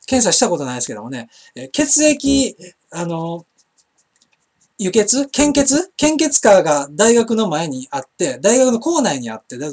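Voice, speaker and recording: A man's voice: sits high, a little mellow. A middle-aged man with an Osaka Kansai accent, hosting a casual live-stream chat and rambling with many fillers as he reads viewer comments. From Osaka, Japan. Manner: chatty, rambling, frequent fillers and restarts. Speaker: internet broadcast host.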